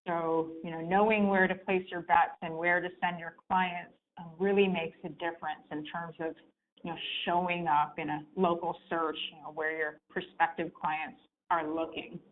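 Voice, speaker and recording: A woman comes through a conference call with a narrow, tinny phone sound. Her voice sits a little low, and she explains things in a relaxed, filler-heavy way as a guest expert. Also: normal speed, slight background noise. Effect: heard over a conference call phone line. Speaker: guest expert on client reviews. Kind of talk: conversational explaining. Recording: tinny phone-line teleconference audio.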